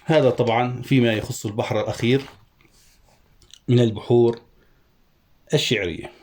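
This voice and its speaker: A middle-aged man with a mellow, warm voice teaches poetic meter. He breaks verses into syllables and draws each one out slowly and deliberately, like a patient classroom teacher. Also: medium pitch, steady tone. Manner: slow deliberate syllable-by-syllable scansion, drawn-out chanting of syllables. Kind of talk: Arabic prosody lesson.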